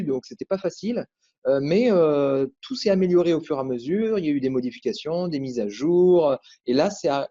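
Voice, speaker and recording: A man's voice: on the high side, warm tone, breathy edge, highs cut off. A man hosting a casual interview, talking hesitantly with many fillers and restarts. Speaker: host, affiliate coach.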